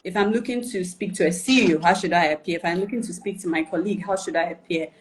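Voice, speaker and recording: This fast-talking woman has a fairly low pitch, and there's slight background noise. Coaching on personal branding over a live video chat, she explains patiently and keeps checking understanding with "right?" and "okay?", stacking up points with repeated questions and lists.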